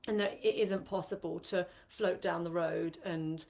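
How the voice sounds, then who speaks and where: A woman's voice: on the low side, fairly even intonation, measured pace, gravelly, darkish tone. Woman chatting on a livestream, loose and rambly, lots of "like" and "you know". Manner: chatty, many fillers and restarts. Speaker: co-host, retreat facilitator. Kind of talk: casual live-stream chat.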